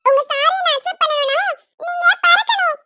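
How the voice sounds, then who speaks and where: A woman's voice: brisk, noisy background. A woman voicing a small, stubborn cartoon girl who pleads in a whiny, insistent way. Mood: pleading. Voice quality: squeaky and very high. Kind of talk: animated cartoon voice acting.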